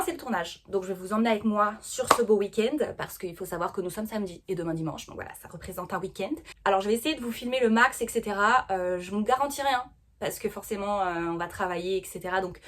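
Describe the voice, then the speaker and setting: A woman's voice: medium pitch, fast talker. A young woman vlogging casually to her phone camera, chatty and playful, with frequent fillers and laughs. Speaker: dance vlogger. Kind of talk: casual vlog chat to camera. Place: at home, then cycling outdoors and at a café.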